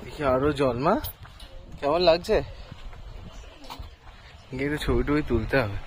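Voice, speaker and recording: A man narrates his travel vlog as he walks an island trail, thrilled and exclaiming at what he sees. His voice sits a little high for a man. Clear outdoor noise runs behind him. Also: a little slow, rough recording. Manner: excited, exclaiming at the scenery. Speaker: travel vlogger.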